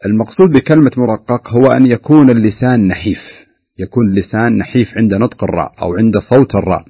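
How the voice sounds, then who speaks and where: A man's voice: on the low side, fast talker, husky, no room sound. A man teaching Quran recitation on a radio program, patiently demonstrating sounds with frequent hesitations, on a dull lo-fi recording. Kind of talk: explaining recitation rules on radio.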